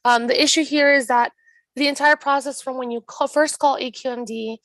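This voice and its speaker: A woman in her twenties with an American accent and a hoarse voice, explaining an issue at a public meeting over a video call. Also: high voice, fairly even intonation, normal speed, a bit bright, dry recording. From Southeast Los Angeles, United States. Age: 20s. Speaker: mayor presenting at a public meeting.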